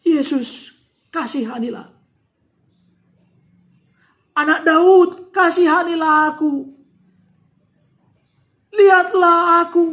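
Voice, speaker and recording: Frantic weeping mother begging loudly and high-pitched , acted by a woman preacher in a sermon. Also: exaggerated voice. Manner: crying, shouting pleas. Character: desperate Canaanite mother pleading for her sick daughter.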